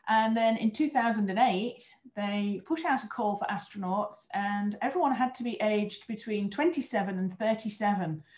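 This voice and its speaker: A European woman in her thirties, once a trainer of astronauts, is a guest on a video call interview and earnestly explains her work, restarting a phrase now and then. Her mid-range voice is a little mellow, moving at a normal speed with hardly any pauses. Picked up by a webcam, the audio sounds muffled and lo-fi, with a roomy echo.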